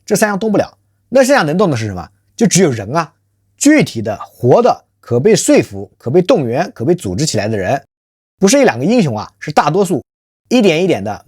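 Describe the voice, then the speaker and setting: In a dry, clean studio recording, a channel host with a mid-range, darkish voice and a breathy edge reads a scripted social commentary piece. Emphatic and rhetorical, the monologue keeps posing questions to listeners. The host also speaks of themselves in the third person using a nickname.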